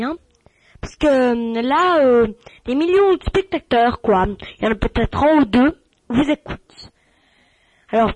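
A woman hosts an improvised mock radio show, exasperated and scolding, swearing freely and tacking "hein" onto her lines. Her voice sits high and sounds close and dry. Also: slightly rough, no room sound, rough recording. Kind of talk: improvised comic radio sketch.

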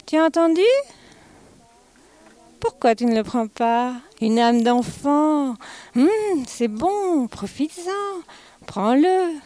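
A woman's voice: high voice, lively intonation, slow pace, pauses often, dark tone, no echo, pitched above the performer's own voice. A woman voicing a greedy male merchant who coaxes and pushes insistently. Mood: coaxing. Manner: coaxing, insistent.

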